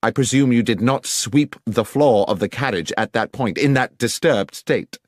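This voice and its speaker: A man voicing a brisk, incisive male detective in a dramatised audiobook, precise and emphatic, with a coolly sardonic edge. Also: mid-range voice, no room sound, studio quality, voice pushed up, natural voice. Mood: probing.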